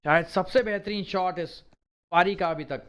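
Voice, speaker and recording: A man giving excited live cricket commentary, exclaiming in short, emphatic bursts of praise. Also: sits high, normal speed.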